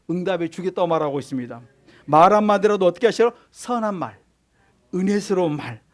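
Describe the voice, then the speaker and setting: A male pastor preaching a sermon in church, often putting questions to the congregation and answering them. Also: high-pitched. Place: church sanctuary.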